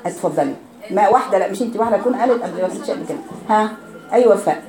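During a tajweed lesson, a woman drills a class of girls on Quran recitation rules, stretching out syllables as she works on pronunciation. Her voice is medium-pitched, expressive and very fast, with an Egyptian Arabic accent, and the roomy recording has a crowd audible in the background.

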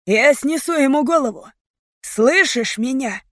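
A woman's voice: high voice, expressive, measured pace, fairly bright tone, no echo, clean studio sound, pitched above the performer's own voice, exaggerated voice. A woman voicing a brutal male gang leader who snarls threats in an audiobook. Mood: snarling. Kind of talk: audiobook character voice.

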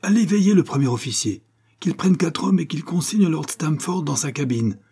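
A man's voice: fairly high pitch, sing-song, normal speed, husky, pitched above the performer's own voice. A man voicing a stern male ship captain who barks orders in a raised voice. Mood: urgent. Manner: barking orders, raised and forceful.

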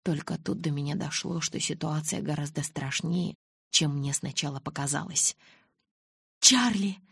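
A woman's voice: deep voice, fairly even intonation, normal speed, creaky, breathy edge, dry recording, clean studio sound. A woman narrating a first-person novel in a tense, dramatic reading style. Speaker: audiobook narrator.

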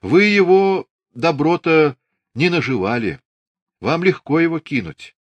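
A man voicing an elderly peasant mother who fusses and laments in a high sing-song. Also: expressive, measured pace, no echo, dull audio. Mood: aggrieved, defiant.

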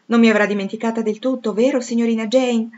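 A woman's voice: on the low side, a little fast, lightly acted. A woman voicing an eager, gossipy young nursemaid. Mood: teasing. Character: warm-hearted young former nursemaid woman, chatty. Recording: dull lo-fi recording.

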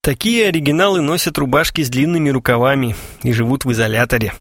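A man's voice: medium pitch, quick pace, fairly bright tone, slightly rough, no room sound, studio quality. A man voicing a sensible, blunt husband who is slightly embarrassed by his wife. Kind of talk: audiobook character voice.

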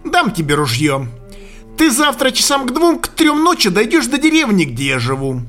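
A gruff old Siberian hunter, as a male reader puts him on, loud and scolding in folksy outbursts. His voice sits raised and high, leaping animatedly between exclamations. Thin music lingers faintly behind the audiobook reading. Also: wildly swooping pitch, moderate pace, full character voice. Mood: scheming. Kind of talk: audiobook character voicing.

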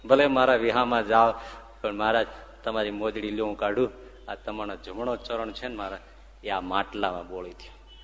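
A man's voice: on the low side, steady tone, moderate pace, a bit bright, natural voice. Guy doing a humble village woman begging earnestly, long echo of a big hall. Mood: pleading.

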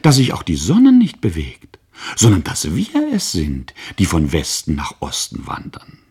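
A man voicing a nine-year-old boy who is curious and eager, asking excited questions in a raised voice. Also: low voice, a little slow, gravelly, slightly rough, exaggerated voice. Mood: astonished.

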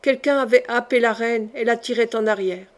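A woman reading a historical novel aloud as an audiobook narrator, with dramatic, steady storytelling. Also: on the high side, brisk.

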